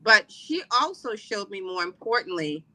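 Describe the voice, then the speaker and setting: This middle-aged Caribbean woman, from Trinidad and Barbados, is a wellness coach and podcast guest with a sing-song, mid-range voice that sounds pushed and bright. She talks at a moderate pace, casually and with plenty of fillers and restarts, on a rough recording.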